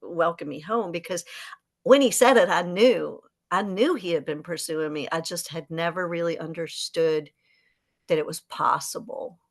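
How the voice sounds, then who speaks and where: A woman's voice: fairly low pitch, moderate pace. A woman in her sixties, a guest on a faith podcast, telling her story in an earnest, joyful way. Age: 60s. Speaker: podcast host, author and speaker, as guest. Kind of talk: faith-based conversation.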